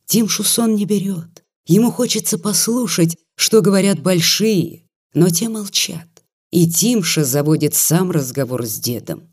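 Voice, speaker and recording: A narrator reading classic prose in a measured storytelling manner for an audiobook. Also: mid-range voice, lively intonation, a little mellow, husky.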